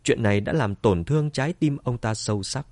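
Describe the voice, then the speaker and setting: A man's voice: medium pitch, a little fast, a little mellow, no room sound, studio quality. A man narrating an audiobook in a dramatic storytelling manner.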